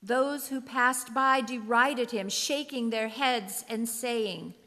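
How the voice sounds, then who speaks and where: In a slow, solemn, scripted reading of scripture, a woman's slightly high voice comes across bright and forceful. Long reverb from a large hall trails her words.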